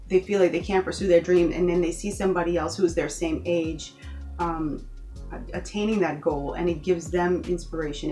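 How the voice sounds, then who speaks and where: A woman's voice: on the low side, darkish tone. A woman from the Bahamas giving an earnest motivational talk in her vlog, encouraging viewers and repeating points for emphasis. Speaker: vlogger.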